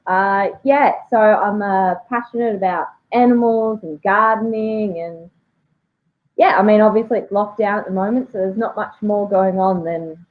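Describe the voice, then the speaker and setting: A woman in her thirties speaks with a broad Australian accent. She chats informally and jokily as an interview guest. Her voice comes through a thin, phone-like connection at a middling pitch. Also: steady tone, moderate pace. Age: 30s. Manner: chatty, jokey, informal. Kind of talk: casual chat. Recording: tinny phone-like video call.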